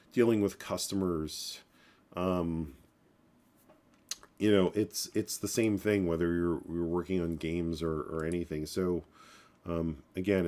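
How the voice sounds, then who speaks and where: A programming livestream host in his forties talks casually through his code, his very low voice stuffed up and congested, with a slightly mellow quality. He rambles, looping back with fillers and restarts, while keys clatter now and then behind him.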